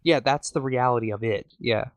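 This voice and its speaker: A man's voice: medium pitch, moderate pace, no echo. A man talking casually in a discussion group, tentative, hedging and rephrasing as he goes. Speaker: reading group participant.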